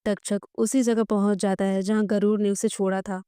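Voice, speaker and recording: Female storyteller for a recap channel, warm and smooth, dry close sound. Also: mid-range voice, little pitch movement, normal speed, dry recording. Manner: reads all characters' lines in near her own voice. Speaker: story explainer narrator. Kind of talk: dramatic story recap narration.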